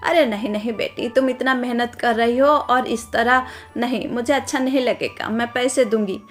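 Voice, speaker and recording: A woman voicing a kind, humble elderly village aunt in a cartoon story, speaking softly and politely. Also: fairly high pitch, normal speed, soft background music, close to an everyday voice. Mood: gentle.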